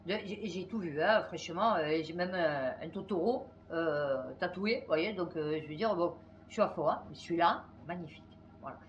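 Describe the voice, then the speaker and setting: A middle-aged woman hosting her channel, chatting to viewers in a fast, excitable way with many fillers. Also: fairly low pitch, dull audio, a little hiss or hum. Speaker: channel host. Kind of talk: casual chat to viewers.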